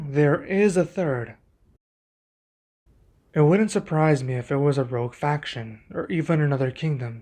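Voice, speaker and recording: Playing a young king and protective husband for an ASMR roleplay, a man speaks with formal, measured deliberation. His voice runs on the high side, though its tone is darkish.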